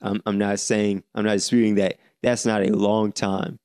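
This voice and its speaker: A man in his late twenties hosting a solo podcast, speaking earnestly with many halting restarts. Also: on the low side, level tone, darkish tone, clear, resonant tone, dry recording, studio quality. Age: 20s. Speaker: podcast host.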